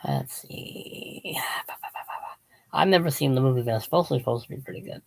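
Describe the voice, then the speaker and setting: Hoarse, gravelly man rambling about books. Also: medium pitch, expressive, a little fast, a little mellow, rough recording. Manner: rambling, restarts often, drifts off topic. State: losing his voice. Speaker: channel host. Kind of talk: casual rambling book talk.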